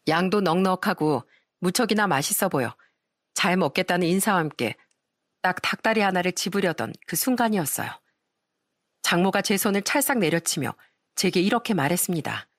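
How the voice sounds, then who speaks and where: A woman narrating a first-person family story in an even, measured storytelling voice. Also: lowish voice, dry recording, clean studio sound.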